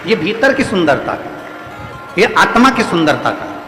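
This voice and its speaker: Amid crowd noise, a high-pitched, very animated man preaches at a measured pace to a large outdoor religious gathering. His Madhya Pradesh Hindi accent comes through as he repeats lines emphatically and rhetorically in his devotional sermon, with echoey hall acoustics, long reverb, and faint music behind him.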